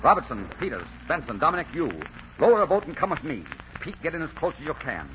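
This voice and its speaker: A man's voice: a little high, very animated, fast talker. An actor playing a bold pirate captain who gives firm orders and teases his captives, in an old radio drama. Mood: commanding. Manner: authoritative, teasing. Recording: hissy, muffled old radio recording.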